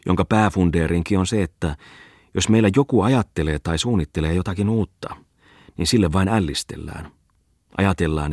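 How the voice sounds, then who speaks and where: Smug male orator on a soapbox , a man reading him aloud: taunting, preachy, husky, dry close sound. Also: low-pitched, darkish tone, no room sound. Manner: sneering, preachy speechmaking. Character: gleeful mocking male schoolmaster orator.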